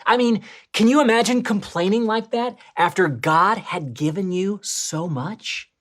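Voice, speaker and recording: At a measured pace and medium pitch, a woman co-presents a scripted children's church lesson. She tells the story expressively, shifting between excitement and hushed tones.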